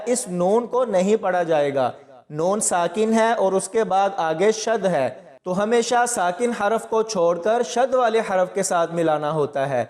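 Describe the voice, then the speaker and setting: A man with a notably high voice talks viewers patiently through a recitation lesson, one point at a time. His words hang in a long, ringing reverb, as if spoken in a large hard room. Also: a little mellow. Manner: patient, methodical explaining to viewers. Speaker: Quran recitation teacher. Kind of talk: step-by-step tajweed lesson.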